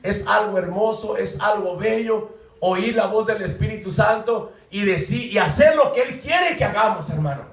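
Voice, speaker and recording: A middle-aged man preaching a fervent Pentecostal sermon. He swings into shouting and repeats "hermano" after nearly every phrase. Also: high voice, expressive, normal speed. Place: church hall. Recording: roomy echo, mic far off.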